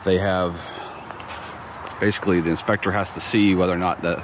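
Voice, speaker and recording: A very deep-voiced homeowner moves briskly through his construction site, talking in a laid-back, unpolished way and often pausing with ums or starting over. The audio comes from a handheld phone camera outdoors, where steady ambient noise stays clearly present.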